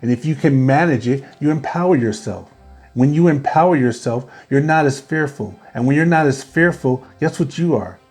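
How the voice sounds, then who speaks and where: A man's voice: medium pitch, normal speed, darkish tone, faint music behind. A man hosting his own video, talking straight to the camera and giving advice, asking rhetorical questions and repeating his key points. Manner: asks many rhetorical questions. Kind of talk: direct-to-camera talk.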